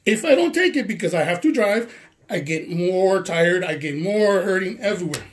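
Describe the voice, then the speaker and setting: A middle-aged father with a deep, strained voice after surgery, heatedly complaining to school staff. He questions in rapid bursts, then gives long, insistent explanations. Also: animated. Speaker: parent. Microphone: handheld phone recording.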